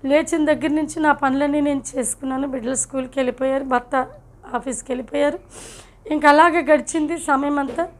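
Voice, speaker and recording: A woman's voice: high voice, fairly even intonation, a little fast. A middle-aged woman from India telling her personal testimony in an earnest, emotional way. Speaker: testimony speaker.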